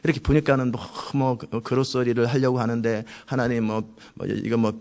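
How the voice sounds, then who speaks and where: A middle-aged male pastor preaching a sermon, acting out quoted prayers in lively back-and-forth. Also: mid-range voice, normal speed, vocal fry.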